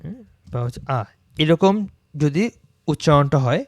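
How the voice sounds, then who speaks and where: A Bangladeshi man teaches an English grammar lesson, slowly repeating example words to show how they sound and mixing English terms into his speech. His voice is a little high, with no echo.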